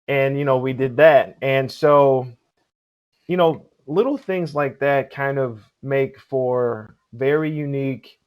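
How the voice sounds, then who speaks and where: A man's voice: medium pitch, slow pace. A man who hosts and judges cosplay contests, chatting casually in an interview and repeating his points for emphasis. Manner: relaxed and chatty, acts out quoted exchanges; earnest advice-giving, repeats for emphasis.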